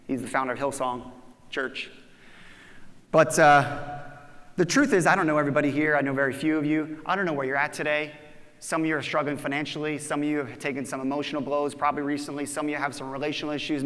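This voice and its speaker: A man giving a motivational conference talk, animated and acting out voices when he quotes people. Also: on the high side. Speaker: conference speaker. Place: large conference hall. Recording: reverberant conference hall.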